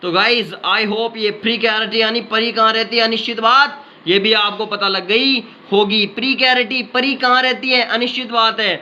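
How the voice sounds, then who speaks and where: High, bright-voiced male teacher. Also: fairly even intonation, moderate pace, hardly any pauses. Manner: sing-song repetition of memory tricks. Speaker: English vocabulary teacher. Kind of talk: energetic exam-prep lesson. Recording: slightly dull lo-fi sound with faint noise.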